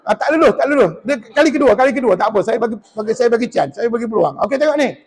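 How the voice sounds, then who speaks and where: A man with a Malaysian Malay accent teaching Quran recitation in a mosque class, drilling and correcting students in a lively, teasing way. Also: very high-pitched, racing, long reverb tail.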